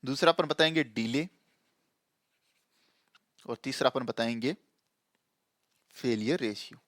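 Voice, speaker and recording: Here a programming tutor gives a casual lesson at a slightly slow pace, going over points again and checking that listeners follow along. His mid-range voice has a fairly bright tone, captured in studio quality with no room sound.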